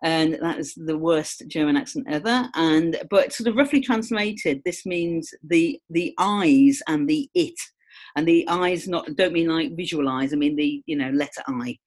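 A woman with a somewhat low-pitched voice explains ideas in a loose, conversational way. She rambles and restarts, fills her sentences with "you know" and "kind of," and pokes fun at herself as she goes. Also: a little slow. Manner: chatty, self-mocking, lively. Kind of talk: casual explanatory chat.

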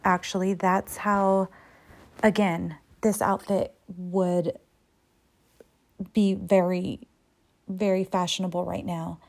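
A woman's voice: on the low side, flat delivery, slow pace, creaky, pauses often, darkish tone. A woman casually recapping a telenovela episode, swearing freely and acting out the characters' lines with big jumps in her voice. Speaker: recap host.

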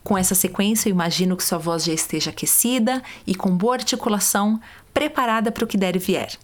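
Calm woman guiding a vocal warm-up. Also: mid-range voice, fast. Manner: calm, step-by-step, demonstrates sounds. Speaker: voice coach. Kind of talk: guided vocal warm-up instructions.

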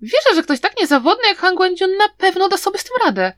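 A woman reading an audiobook, voicing a clever, playful young man who talks in a teasing, lively way. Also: very high-pitched, fast, no room sound, voice pushed up, heavily acted.

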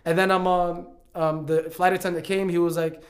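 A man, a podcast guest telling a story in casual chat, animated, stumbling and repeating words as he acts out what others said. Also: sits high, normal speed, crowd noise.

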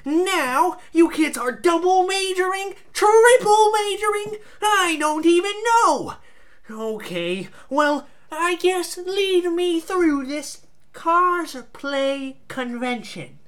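A woman's voice: very high-pitched, animated, exaggerated voice. A woman doing a grumpy old male inspector. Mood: grumbling. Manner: folksy, slow and suspicious. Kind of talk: amateur audio drama acting.

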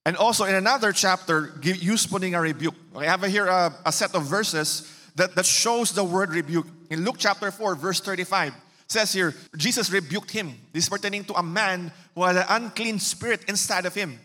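A high, bright-voiced man with a Cebuano Filipino accent preaches to his congregation in a conversational way, moving between English and Bisaya and checking in with rhetorical questions. His voice carries a long reverb from a church hall. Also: fairly quick. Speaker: pastor. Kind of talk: sermon.

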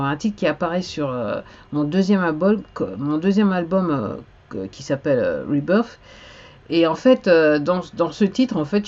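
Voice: medium pitch, a little mellow. Auteur-compositeur hésitant, son un peu terne. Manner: rambling, hesitant, many restarts. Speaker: singer-songwriter. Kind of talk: unscripted live stream chat. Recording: slightly dull lo-fi sound.

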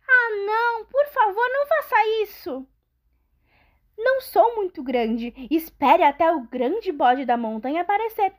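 A woman voicing a gentle, medium-sized male goat who begs nervously in a high voice. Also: very animated, a little slow, heavily acted. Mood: pleading.

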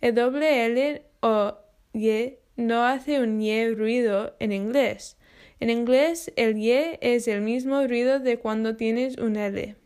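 A woman giving a scripted English pronunciation lesson, spelling out sounds slowly and carefully. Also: a little high, darkish tone, clean tone. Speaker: English teacher.

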